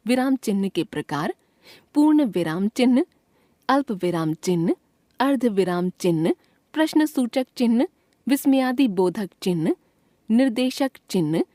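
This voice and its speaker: A woman reading a grammar lesson aloud from a textbook in a clear, measured way, voicing the example sentences with expression. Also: a little high, dark tone, no room sound, clean studio sound.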